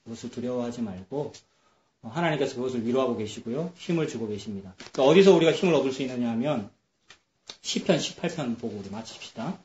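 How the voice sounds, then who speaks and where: A man's voice: medium pitch, expressive, quick pace, darkish tone, reverberant, dull audio, slight background noise. A male pastor preaches a sermon in a conversational way, acting out the voices of biblical figures.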